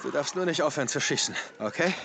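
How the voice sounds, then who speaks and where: Gruff game survivor, animated, noisy. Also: male voice, fairly high pitch, fast talker. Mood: wary, determined. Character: rugged, gruff, reckless male survivor in a zombie wasteland. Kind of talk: video game voice acting. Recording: loud game noise over the voice. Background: loud game ambience.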